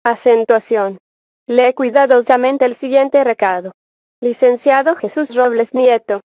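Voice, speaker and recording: A woman reading a spelling lesson as scripted instruction, dictating words slowly and carefully. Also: on the high side, darkish tone, no room sound. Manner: slow, careful word-by-word dictation. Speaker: narrator of a spelling course.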